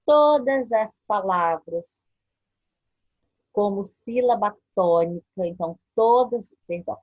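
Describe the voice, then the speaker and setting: A woman's voice: mid-range voice, breathy edge, lo-fi sound. A woman teaching a primary school class by recorded video, in Brazilian Portuguese, patiently walking through workbook exercises and checking in often. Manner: patient, explains step by step with frequent "tá?" check-ins.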